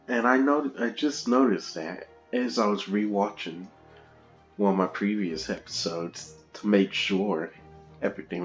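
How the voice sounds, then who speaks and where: A man's voice: on the low side, muffled recording. A man hosting a casual let's-play, chatting and rambling with frequent laughs through a gaming headset. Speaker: gamer, video host.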